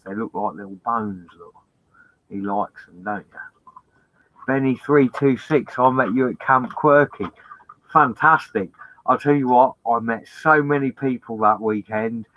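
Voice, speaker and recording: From inside his converted van, a man hosts a casual van-life live stream, upbeat and greeting viewers by name. He keeps saying "fantastic." His voice is medium-pitched and fairly bright, but the recording quality is low.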